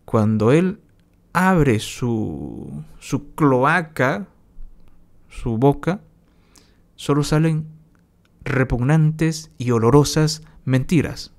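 A man's voice: mid-range voice, animated, very slow, vocal fry, pauses often. A man from Bolivia ranting as a political commentator, sarcastic and insulting, scornful of what he just heard. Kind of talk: angry political commentary rant.

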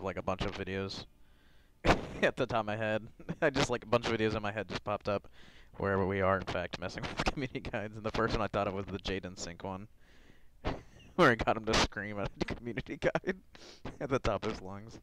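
A man's voice: fairly low pitch, fairly quick, background noise. A man streaming, rambling casually with lots of fillers and chuckles into a headset mic.

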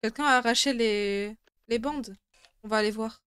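Higher-voiced young woman, jumpy horror game streamer. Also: normal speed, fairly bright tone, clear, resonant tone, no echo. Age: young adult. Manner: jumpy, grumbling to herself, swearing. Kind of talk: casual let's play commentary. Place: indoor room at home. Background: game music and rain sounds.

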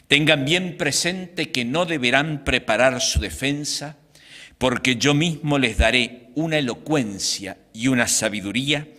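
A priest in his sixties speaks at a standing microphone in a small chapel. His tone is bright and forward, and he takes the text very slowly and deliberately. His voice carries a long reverberant tail around the room. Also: medium pitch. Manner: slow, deliberate liturgical delivery. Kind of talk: reading the Gospel and preaching at Mass. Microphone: microphone on a stand in front of him.

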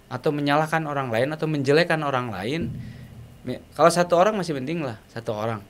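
Animated man, tinge. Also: on the high side. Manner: animated, searching for words with many fillers. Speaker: guest speaker. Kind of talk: explaining in a conversational interview.

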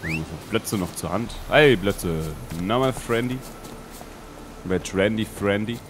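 Man putting on a very deep voice. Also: lively intonation, noisy background. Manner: chatty, muttering to himself, bursts of loud exclamations. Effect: deliberately lowered deep put-on voice. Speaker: let's play gamer. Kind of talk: casual gameplay commentary.

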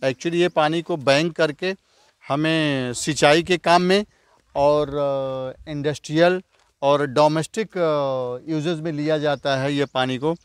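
A man's voice: on the high side, steady tone, slow pace, clean tone, no echo. A man in his forties from India, casually narrating a travel vlog on a motorbike ride and by a lake, talking eagerly to his viewers. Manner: enthusiastic, addresses viewers as guys. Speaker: motovlogger. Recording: wind and road noise.

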